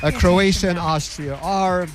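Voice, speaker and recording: Male quiz host, high-pitched, friendly and joking, faint music bed. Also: fairly even intonation, a little slow. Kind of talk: outdoor radio quiz chat.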